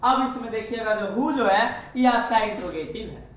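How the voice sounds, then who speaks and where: Echoey, high-voiced male English teacher. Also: lively intonation, a bit bright. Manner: explains step by step, repeats each example slowly. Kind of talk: classroom grammar lesson. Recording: echoey room, far from the mic, faint hiss.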